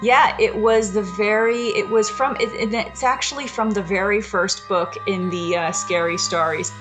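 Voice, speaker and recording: A woman in her thirties or forties hosting a podcast, telling a childhood story in a slow, reflective, meandering way. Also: mid-range voice, fairly even intonation, music in the background. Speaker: podcast host. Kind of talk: casual storytelling monologue.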